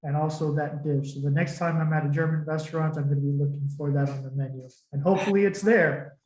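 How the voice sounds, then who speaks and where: A man's voice: fairly high pitch, fairly even intonation, fast, darkish tone, roomy sound, rough recording. A man as topic master of a speaking club meeting, upbeat and welcoming, inviting guests to answer questions. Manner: upbeat, welcoming, formal phrasing. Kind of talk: meeting facilitation on a video call.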